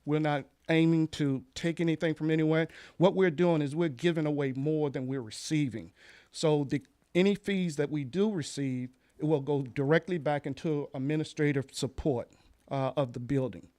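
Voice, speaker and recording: A man's voice: fairly high pitch, moderate pace, a little mellow. A man, a pastor, earnestly addressing a town council meeting, repeating key phrases with some fillers. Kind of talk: public comment at council meeting.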